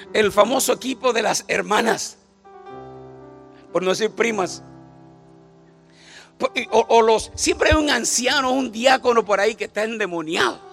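Preacher guy in his 50s cracking jokes at the congregation, really high gravelly voice, faint music behind. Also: pushed and bright. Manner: joking, calls out to the audience with repeated "right?". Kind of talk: comedic sermon to a congregation.

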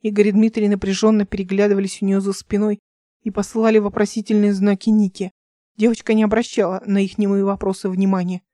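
A woman narrating an audiobook in an even, measured way. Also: medium pitch, no echo, studio quality.

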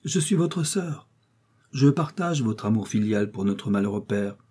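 A man's voice: lowish voice, animated, unhurried, dark tone, slightly rough. A man voicing a determined young woman from a storybook who speaks with cold, insistent resolve. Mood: firm. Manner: firm, insistent pleading.

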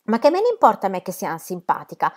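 A woman's voice: mid-range voice, big pitch swings, fast. A woman reading a novel aloud, voicing a quarrelsome drunk man who picks a fight in a diner. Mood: drunken. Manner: loud, blustering.

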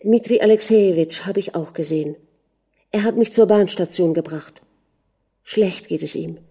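A woman's voice: on the low side, moderate pace, breathy edge. A woman reading a worried young princess. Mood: defensive. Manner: weary, defensive, hushed.

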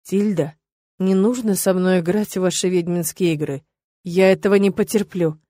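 A stern, commanding male dragon rector, read by a woman audiobook narrator. He drags his words out slowly with quiet menace, in a dry, close studio sound with no room at all. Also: medium pitch, no echo, natural voice. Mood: low, intimate. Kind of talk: audiobook character reading.

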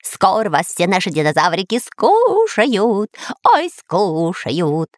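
A woman voicing a sneaky male parrot villain in a children's storybook reading, with squawking, gloating shouts. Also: mid-range voice, huge pitch swings, slow pace, dry recording, studio quality.

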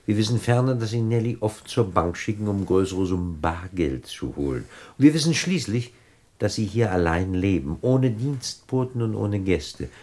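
Radio play: a polished gentleman crook, very deep, courteous. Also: lively intonation, moderate pace. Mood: suave. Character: suave male gentleman criminal, calculating.

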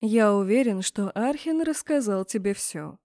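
A woman voicing a brooding, possessive male mage rector who murmurs slowly and huskily. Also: medium pitch, expressive, no room sound, clean studio sound. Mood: hushed, possessive. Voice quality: husky. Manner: slow hushed murmur.

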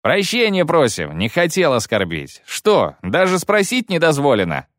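A man's voice: medium pitch, big pitch swings, normal speed, no room sound, studio quality, natural voice. A man voicing a mocking, leering young male bandit with a sneering, mock-polite manner.

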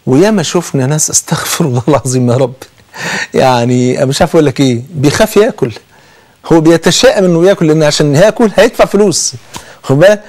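A man with an Egyptian accent giving a conversational sermon, telling stories in an animated way and swearing oaths often. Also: high-pitched. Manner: animated storytelling with frequent oaths. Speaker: preacher.

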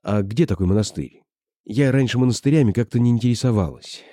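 Gentle earnest young woman, read by a man. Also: mid-range voice, fast talker, dry recording, clean studio sound, close to an everyday voice.

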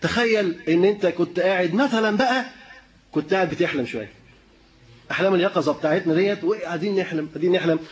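Egyptian preacher, fast, high voice, quizzes his listeners; lo-fi dull recording. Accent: Egyptian Arabic. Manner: lively, questioning the room, chuckling often. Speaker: preacher teaching a class. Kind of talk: interactive lesson with audience.

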